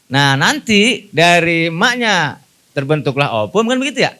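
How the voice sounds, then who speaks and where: Lively, joking Betawi preacher. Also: male voice, a little high, moderate pace. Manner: jokey, colloquial, asks the audience questions. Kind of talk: humorous sermon. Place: mosque gathering with an audience.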